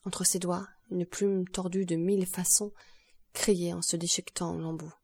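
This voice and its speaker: A woman narrating a classic novel in an audiobook, measured and even. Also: on the low side, vocal fry, husky. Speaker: audiobook reader.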